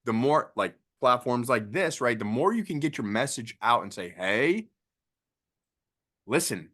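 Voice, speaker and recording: A man's voice: mid-range voice, expressive, normal speed, sharp tone. A man hosting a podcast interview, enthusiastic and rambling, often restarting his sentences. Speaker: podcast host. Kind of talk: casual interview conversation.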